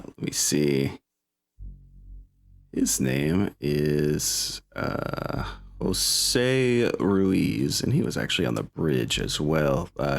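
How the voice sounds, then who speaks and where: A man with a low, gravelly voice runs a tabletop role-playing session as game master, narrating casually, informally and with swearing.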